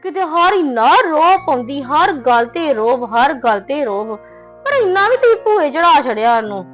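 A woman's voice: high voice, sing-song, moderate pace, faint music behind. A woman playing a young wife who complains, sulky and aggrieved, in a short family film. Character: young wife sulking about her sister-in-law. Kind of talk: scripted short film acting.

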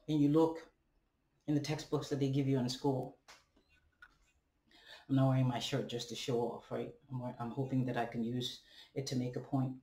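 A young Ghanaian man vlogs from a home room with bare walls and a ceiling fan, his mid-range voice dark in tone and shaped by a Ghanaian accent. He reflects in a halting, deliberate way, leaning on rhetorical questions and "right?" to check in. The webcam sits at a distance, and the room echoes.

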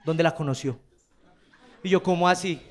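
A man's voice: on the high side, normal speed. A man with a Colombian accent performing a stand-up comedy routine, telling crude stories with quoted voices. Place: comedy club stage.

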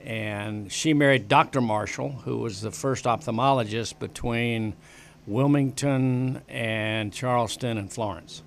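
Seated at a desk broadcast mic on a boom arm in a small studio, an older guest from the western United States recounts family and local history in casual interview storytelling. His unhurried, middle-pitched voice carries vocal fry, and he meanders with many restarts and fillers. A little hiss or hum sits underneath.

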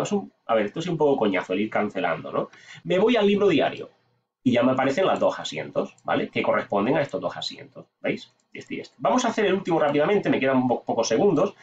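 A man teaching accounting software, talking himself through each step by asking and answering his own questions. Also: medium pitch, distant mic, highs cut off. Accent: Spanish. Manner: talks to himself while clicking, asks and answers aloud. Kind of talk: screen-recorded software tutorial.

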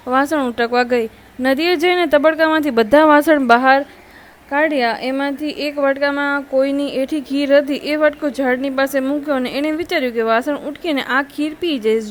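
A woman narrating a devotional folk tale in a gentle storytelling manner, addressing her listeners as friends. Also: high voice, low-quality recording.

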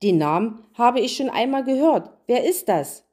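A woman voicing a dazed, weak old Santa with a croaky voice, speaking slowly in a storybook reading. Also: a little high, very animated, warm tone, pitched above the performer's own voice. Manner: weak and slow.

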